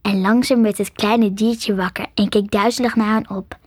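A woman reading a storybook aloud with steady, soft narration. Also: mid-range voice, moderate pace, slightly rough, no room sound, clean studio sound.

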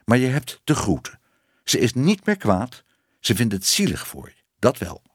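A man's voice: medium pitch, wildly swooping pitch, moderate pace, husky, dry recording, studio quality. A man voicing a stern, disapproving old female cat who scolds and bosses her niece. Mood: scolding.

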